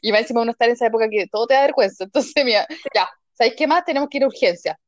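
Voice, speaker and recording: A woman with a Chilean accent, co-hosting a casual chat and telling an expressive, giggly childhood story. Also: fairly high pitch, rapid-fire, dry recording, muffled recording. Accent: Chilean Spanish. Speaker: podcast co-host.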